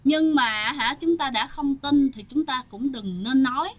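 A woman's voice: high-pitched, animated, normal speed, breathy edge. Chatty woman telling ghost stories. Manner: chatty, keeps talking straight to listeners. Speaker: ghost story narrator. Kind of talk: casual spoken storytelling.

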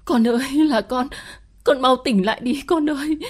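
A woman's voice: high-pitched, moderate pace. A woman voicing a grief-stricken young mother who cries out over her baby, heard from a little distance. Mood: wailing grief. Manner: wailing, anguished cries.

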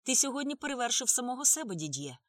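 A woman's voice: fairly high pitch, sing-song, quick pace, a bit bright, dry recording, studio quality, voice pushed up. A woman voicing a sardonic young woman who teases her friends. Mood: mocking.

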